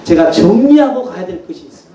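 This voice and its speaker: A man's voice: sits high, animated, fast talker, crowd noise. A male pastor voicing an earnest, grateful older businessman in a sermon story. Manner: earnest, polite. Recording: echoey hall, mic far off.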